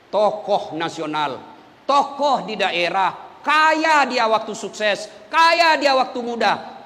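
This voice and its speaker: A man preaching an animated, emphatic sermon, dropping to soft asides. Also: sits high, big-room sound, a little hiss or hum.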